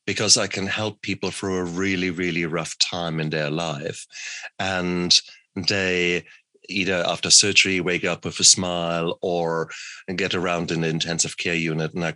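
A man hosts an interview show in a casual, rambling way, often restarting his thoughts. His voice sits very low yet carries a sharp, forceful edge. The sound is close and dry. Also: steady tone, moderate pace, no echo. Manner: frequent restarts and fillers. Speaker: podcast host.

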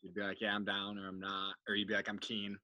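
A man in casual podcast chat, telling relaxed stories about his former teammates. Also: on the low side, fast. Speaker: guest, former soccer player.

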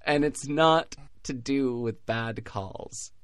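A man's voice: medium pitch, slow pace, no echo. A man co-hosting a casual soccer podcast, sarcastic and often laughing through his jokes. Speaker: podcast co-host. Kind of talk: casual sports chat.

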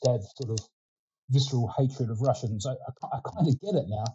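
On a muffled recording, a man in his sixties chats loosely as an interview guest, a winemaking consultant. He has an Australian accent and a Ukrainian first language. His medium-pitched voice is slightly rough and fairly quick, relaxed and rambling, with lots of fillers and restarts.

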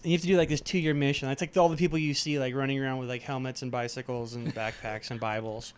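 A man's voice: mid-range voice, steady tone, fast talker. Rambling young guy co-hosting a podcast. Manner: rambling, lots of "like" fillers. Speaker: podcast co-host. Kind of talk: casual chat.

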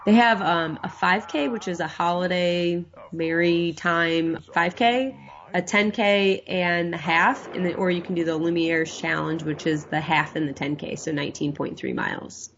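A woman's voice: on the low side, moderate pace, a bit bright. A woman with a nasal, congested voice from a cold, chatting casually as a podcast co-host and laughing often. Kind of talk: casual chat. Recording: dull lo-fi audio.

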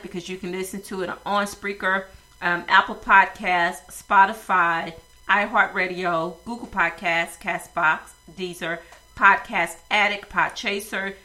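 A woman's voice: fairly low pitch, sharp tone, rough recording. A woman hosting a podcast with a stuffy nose, talking casually and rambling with many fillers. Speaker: podcast host.

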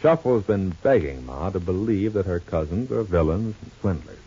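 A man's voice: low voice, expressive, moderate pace, mellow, breathy edge. A man announcing on an old radio show, selling a product and introducing the serial with eager, salesman-like delivery. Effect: old radio broadcast sound. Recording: muffled old radio transcription with music.

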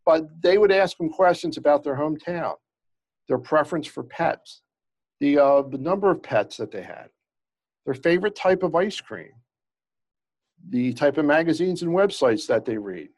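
A man with a slight stutter, an employment lawyer appearing as a guest, explains cases in casual interview talk, restarting often and leaning on fillers. His voice is a little high and darkish in tone, expressive, at a normal speed.

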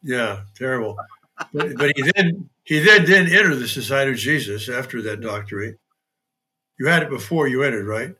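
An older man, a priest, hosting a podcast interview, with dry humor and frequent throat clearing. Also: medium pitch, lively intonation, moderate pace, pushed and bright, a little hiss or hum. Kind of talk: conversational interview.

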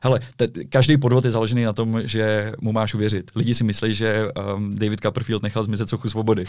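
Low guy telling stories fast, dead dry sound, super casual. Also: flat delivery, darkish tone, dry recording. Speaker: guest, street video maker. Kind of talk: casual conversation.

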